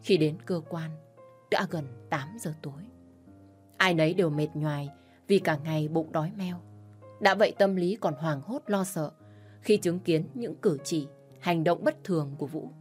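A woman narrating an audio story in a steady, measured way. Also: deep voice, faint music behind.

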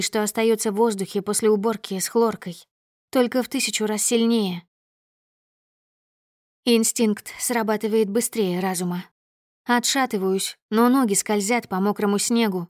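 Female audiobook narrator, higher-pitched voice, dry close recording, measured dramatic delivery. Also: steady tone, darkish tone, no echo. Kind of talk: first-person audiobook narration.

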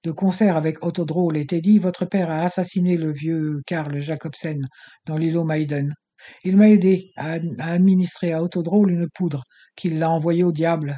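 A man's voice: on the high side, mellow, husky. A man voicing a harsh, threatening male villain with a slightly hissing voice in an audiobook.

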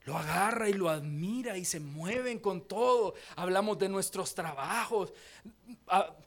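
Lively high-voiced pastor. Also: male voice, unhurried. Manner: animated and playful, acting out quotes, asking the congregation questions. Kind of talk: sermon.

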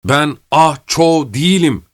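A man's voice: a little high, expressive, slow pace, voice pushed up. A man voicing a frightened, insistent male prisoner who keeps pleading, in a raised voice.

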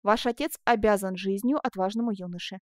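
A woman voicing a passionate middle-aged master sculptor, exclaiming loudly in an audiobook reading. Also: medium pitch, brisk, no echo, studio quality, natural voice. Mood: insistent. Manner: impassioned, exclaiming.

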